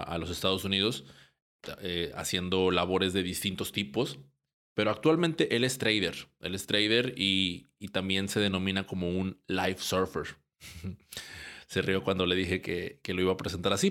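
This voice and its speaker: Young man, podcast host, fairly low voice, relaxed rambling talk. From Mexico. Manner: relaxed, rambling with frequent restarts and short laughs. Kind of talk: casual podcast intro and interview.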